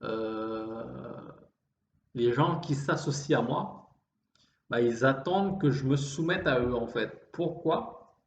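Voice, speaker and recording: A man talks introspectively at a slow, halting pace, breaking off and restarting phrases. His voice is slightly effeminate and refined in phrasing. The recording is dull and roomy, with faint noise behind him. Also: medium pitch, vocal fry. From Réunion. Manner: halting, with repeated false starts and trailing phrases; refined way of speaking. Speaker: vlogger. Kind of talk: introspective monologue.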